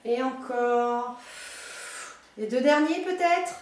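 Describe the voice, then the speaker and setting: Female fitness coach, high voice, very echoey room, mic set back, counts reps and cues breathing. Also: slow pace, far from the mic. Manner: encouraging, light teasing. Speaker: fitness instructor. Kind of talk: guided chair exercise class.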